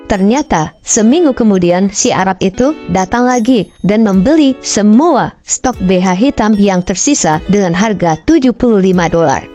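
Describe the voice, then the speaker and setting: A woman narrating a string of comic short stories in an even, clear storytelling delivery. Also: medium pitch.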